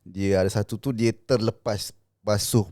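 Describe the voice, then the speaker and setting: A man, co-hosting a casual podcast and telling a ghost story in a relaxed, halting way. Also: fairly low pitch, dry recording, studio quality. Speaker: podcast co-host.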